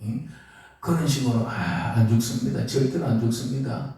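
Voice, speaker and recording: A man's voice: mid-range voice, normal speed. A man preaching a sermon as pastor, asking his congregation questions as he goes. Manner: lively, asks the congregation questions. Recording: echoey hall, mic far off.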